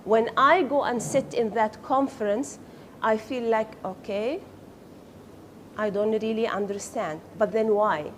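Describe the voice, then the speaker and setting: In a fairly high voice, a woman whose first language is Arabic teaches unhurriedly, asking her class questions and praising their answers. Slight background noise sits under the recording.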